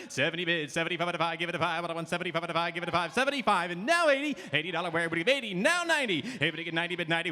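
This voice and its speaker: A man's voice: sits high, bright, forceful tone. An American man doing an auctioneer's chant, rhythmic and repetitive as he calls bids in a large hall. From Indiana, United States. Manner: rhythmic, repetitive bid calling. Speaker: auctioneer contestant. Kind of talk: rapid-fire auctioneer chant. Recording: echoing hall PA sound.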